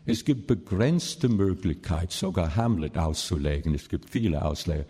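Husky passionate male preacher. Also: deep voice, animated, normal speed. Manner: passionate, swinging between loud and soft. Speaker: pastor. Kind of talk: sermon. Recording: long reverb of a large hall.

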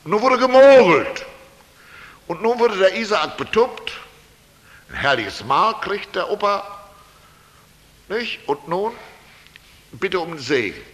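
A man's voice: high voice, very animated, takes it slowly, long pauses, fairly bright tone. A male preacher retelling a Bible story in a folksy, colloquial way, often tossing "nicht?" to his listeners. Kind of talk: sermon, Bible story retold. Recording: long hall reverb.

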